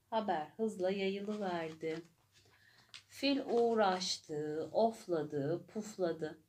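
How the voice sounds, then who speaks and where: Slow gentle woman storyteller. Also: lowish voice. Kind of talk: children's story narration.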